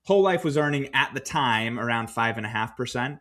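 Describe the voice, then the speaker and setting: A man co-hosting a podcast, recounting his own finance choices in a relaxed, storytelling way with plenty of fillers. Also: mid-range voice, fairly quick. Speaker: podcast co-host. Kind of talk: casual podcast discussion.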